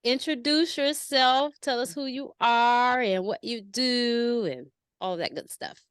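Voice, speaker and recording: A woman's voice: fairly high pitch, slow pace, a bit bright, clear, resonant tone, dry recording, studio quality. A woman hosting a spiritual podcast, chatting casually with a guest, laughing and rambling with restarts. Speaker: podcast host. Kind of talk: casual interview chat.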